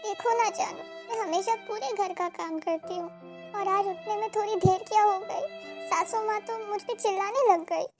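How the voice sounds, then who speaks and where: A woman's voice: extremely high pitch, normal speed, music in the background. Woman doing a whiny sly young bride. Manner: whiny, coaxing, fake innocent. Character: lazy, sly young daughter-in-law.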